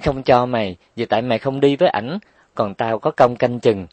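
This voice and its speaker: A man's voice: medium pitch, a little mellow, no room sound, close to an everyday voice. A man voicing a spoiled little girl who whines and snaps back sassily. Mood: sassy. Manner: whining, sassy, quick retorts. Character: bratty, whiny little girl.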